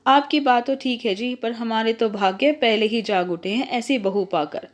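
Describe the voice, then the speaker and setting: A woman's voice: fairly high pitch, normal speed, close to an everyday voice. A woman voicing a strict but caring middle-aged mother who scolds her daughter firmly. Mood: scolding. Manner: firm, scolding.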